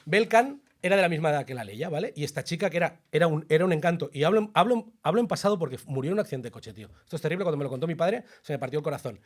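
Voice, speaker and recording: A man, co-hosting a podcast and telling a personal story in a chatty, animated way. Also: fairly high pitch, racing, hardly any pauses. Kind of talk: casual chat, then scripted narration over music.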